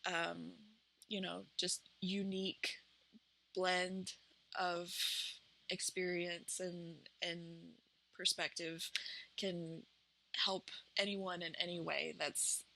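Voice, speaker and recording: A woman with an Appalachian accent chatting casually and unscripted as a vlog host, in a halting, reflective, self-conscious way. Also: lowish voice, flat delivery, vocal fry, pushed and bright, low-quality recording. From Appalachian United States. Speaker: vlog host and small business owner. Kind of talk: casual, unscripted chat to camera.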